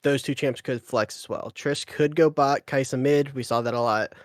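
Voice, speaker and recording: A man casting a live esports draft as play-by-play commentator, chatty and teasing, often filling pauses with "uh". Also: mid-range voice, steady tone, dry recording, clean studio sound.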